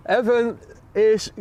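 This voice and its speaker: Outdoors at an airport, a man from the Netherlands with a Dutch accent runs a live plane-spotting stream, his voice sitting high over slight background noise. He's chatty and laughs a lot, reading viewers' chat messages aloud as he talks with them.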